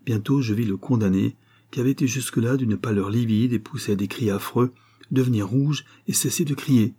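A man narrating a classic novel in a measured audiobook reading. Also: medium pitch, dark tone, slightly rough.

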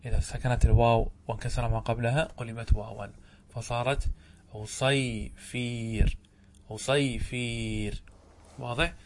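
In a classroom, a male grammar teacher explains a text, speaking slowly and deliberately and stretching out each example word, often repeating it. He keeps putting short questions to the class as he goes. His voice is medium-pitched, fairly even in intonation and a little mellow, with a slight hiss or hum on the recording.

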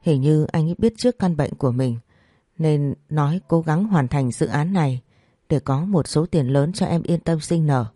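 A woman narrating a scripted story in an even, measured reading voice. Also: low-pitched, breathy edge, no echo, clean studio sound.

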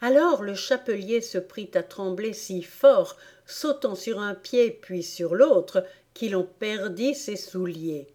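A woman reading a storybook aloud in a calm, unhurried way. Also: mid-range voice. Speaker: audiobook reader. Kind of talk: storybook narration.

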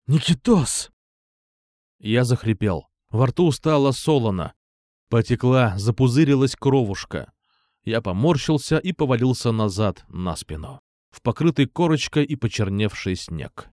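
A man's voice: mid-range voice, lively intonation, moderate pace, a little mellow, no echo, clean studio sound. A man reading a first-person action audiobook with dramatic, tense storytelling. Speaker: audiobook narrator.

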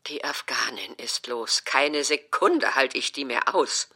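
An obstinate older mother with a tense, bright edge to her voice, as a woman reader puts her on. She talks in scornful, cutting jabs and never backs down. Read for an audiobook. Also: rumbling low, expressive, unhurried, slightly rough, pitched below the performer's own voice, exaggerated voice. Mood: indignant. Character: stubborn sharp-tongued older mother. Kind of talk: audiobook reading.

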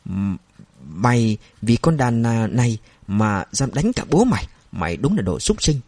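Guy doing a drunk angry dad, loud and slurry, dark husky voice. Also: medium pitch, very animated, unhurried, dry recording. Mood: scornful berating. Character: angry drunk older father, bitter and scornful.

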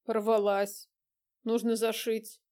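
A woman voicing an angry, jealous young man with a coarse, shouting manner in an audiobook. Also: fairly high pitch, flat delivery, takes it slowly. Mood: subdued.

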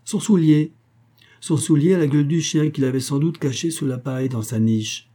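A man narrating a classic children's story in a measured, expressive storytelling manner. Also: mid-range voice.

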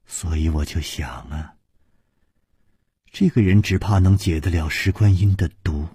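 A man voicing a weary, ailing woman who speaks softly, low and breathy. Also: measured pace, dry recording, clean studio sound, heavily acted. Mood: sorrowful. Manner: soft, low, breathy and subdued.

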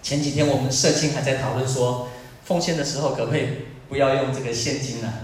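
A male pastor preaching a sermon, earnest and questioning, moving between calm talk and emphatic passages. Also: medium pitch, fast talker, slight background noise. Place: church sanctuary. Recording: echoey church hall, distant mic.

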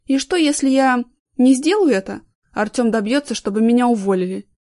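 A woman's voice: on the high side, fairly quick, lightly acted. A woman reading a novel aloud, voicing a cocky, defiant young male cameraman. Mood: confessing. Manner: unruffled, then shouting back.

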